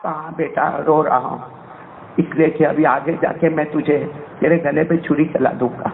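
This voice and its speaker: A male preacher voicing a grieving elderly prophet father who speaks slowly and sorrowfully in a low voice, heard through a tinny, phone-like sound. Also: steady tone, reverberant, natural voice. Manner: low, slow, sorrowful speech.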